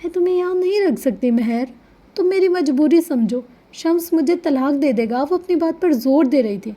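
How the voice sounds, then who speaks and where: A woman's voice: high-pitched, expressive, mellow, pitched above the performer's own voice. A woman voicing a helpless mother who pleads with her daughter, in a storybook reading. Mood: pleading.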